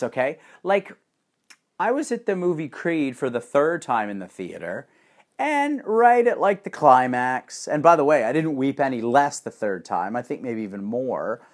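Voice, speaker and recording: A man delivering a profane, sarcastic ranting monologue with animated swings in energy. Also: medium pitch.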